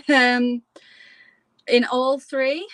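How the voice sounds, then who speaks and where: A woman's voice: sits high, flat delivery, extremely slow, fairly bright tone, dry recording. A woman talking casually as a guest in an interview. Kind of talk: casual chat.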